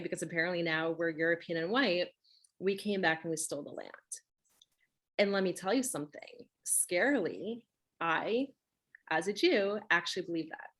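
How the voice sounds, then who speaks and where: The host, a woman whose first language was Russian, runs a conversational interview with an emphatic manner, frequently adding "right?". Her fairly low voice has a slightly bright quality and moves at normal speed.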